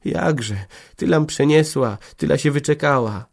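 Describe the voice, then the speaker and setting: Man doing high-pitched fussing peasant wife, loud and eager, storybook role. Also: a little slow, gravelly. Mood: tender. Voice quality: raised pitch, loud and excited.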